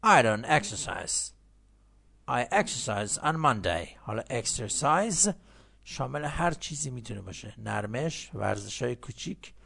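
Gravelly man teaching English slowly. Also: mid-range voice, very animated, bright, forceful tone. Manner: switches between slow drilled English and fast explanation. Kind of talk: bilingual English lesson.

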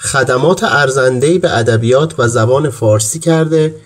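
A man hosts a literary programme. His voice sits at an ordinary male pitch, and he addresses guest and audience formally and politely. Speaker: host. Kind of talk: literary talk programme presenting.

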